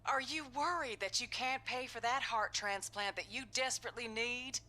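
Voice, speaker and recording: An actress playing a cheery, slick advertising announcer in a satirical commercial within a video game. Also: female voice, on the high side, moderate pace, bright, forceful tone. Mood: salesy, upbeat.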